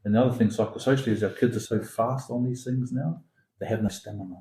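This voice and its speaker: A man's voice: fairly low pitch, fairly even intonation, quick pace, dark tone, reverberant, rough recording. A man from Singapore, founder of an education academy, talking emphatically as a podcast guest and building his points with repeated lines and long metaphors. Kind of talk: conversational podcast interview.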